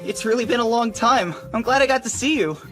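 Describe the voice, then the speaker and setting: A woman's voice: fairly high pitch, a little fast, a bit bright, natural voice. A woman in an English anime dub voicing a shy, kindly teenage boy with a casual, awkward way of talking. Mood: flustered friendliness. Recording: music behind the voice.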